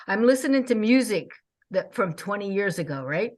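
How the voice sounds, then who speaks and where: A woman in her sixties hosting a casual chat, talking with bright enthusiasm and frequent laughs. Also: medium pitch, lively intonation, normal speed. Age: 60s. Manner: enthusiastic, chatty, laughs often.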